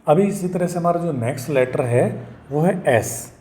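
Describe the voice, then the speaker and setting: Mellow-voiced man teaching pronunciation. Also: a little high, moderate pace. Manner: repetitive, checks in with "ok" and "right". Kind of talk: casual video lesson.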